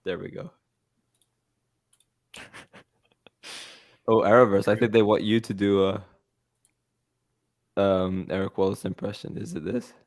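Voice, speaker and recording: A man's voice: lowish voice, flat delivery, slow, pauses often. A man hosting a fan news livestream, chatting casually in a playful, teasing way with rambling asides and fillers.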